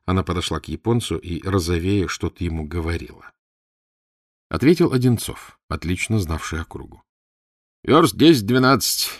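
A man reading an audiobook in measured scripted narration, close to the mic. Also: deep voice, darkish tone, no room sound.

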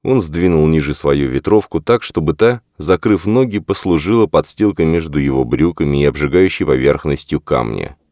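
A man reading a novel aloud as narrator in a measured, steady way. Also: very deep voice, no room sound, studio quality. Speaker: audiobook narrator. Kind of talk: scripted narration.

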